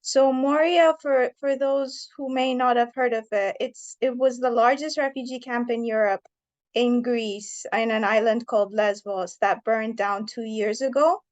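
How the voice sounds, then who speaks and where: A woman's voice: fairly high pitch, fairly even intonation, measured pace. Earnest Iranian-born woman author. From Iran. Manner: thoughtful, earnest, with fillers. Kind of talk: interview answers.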